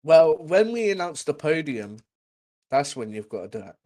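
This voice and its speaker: A man's voice: on the high side, sing-song, normal speed, mellow, low-quality recording. A man with a Scottish accent, co-commentating a drift livestream with teasing, jokey banter. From United Kingdom.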